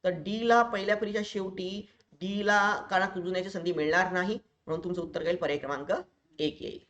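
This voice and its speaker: A man's voice: sits high, fairly even intonation, brisk, a bit bright. A man teaching exam preparation in a recorded online lecture, explaining each step and speaking directly to his students.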